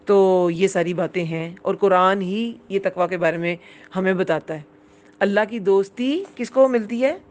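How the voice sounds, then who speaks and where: A woman's voice: mid-range voice, darkish tone. Woman, quran teacher, patient explanations, checks understanding. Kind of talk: Urdu religious lesson with English words.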